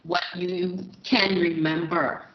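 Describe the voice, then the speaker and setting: A woman's voice: fairly low pitch, little pitch movement, slow, echoey room, highs cut off. A woman teacher giving an online class over a video call, her voice breaking up and checking in with frequent okays.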